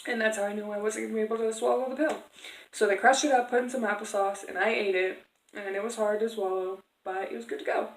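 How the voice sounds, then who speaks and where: A woman's voice: medium pitch, fairly even intonation, quick pace. A woman telling a personal story casually to camera as a vlogger, in a rambling, conversational way. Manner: rambling, conversational, acts out quoted exchanges. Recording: echoey room.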